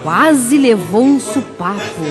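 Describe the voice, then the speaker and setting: A woman reading a rhymed children's story for radio in a slow, sing-song way. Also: fairly high pitch, expressive, long reverb tail, over music.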